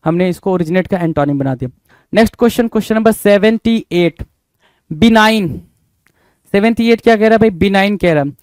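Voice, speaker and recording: A man's voice: high voice, brisk, darkish tone, no echo. A man teaching an exam vocabulary lesson, asking the listener rhetorical questions over and over. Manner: repetitive quizzing asides.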